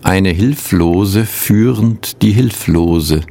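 Deep, gravelly, unhurried male radio voice. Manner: calm, measured recitation. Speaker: radio presenter. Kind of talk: radio poetry reading and presenting.

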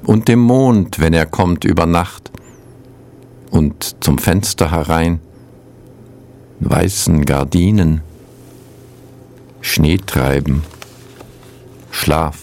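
A man presenting a radio culture program, reading poems aloud in a calm, measured way and introducing the music between them. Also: extremely low pitch.

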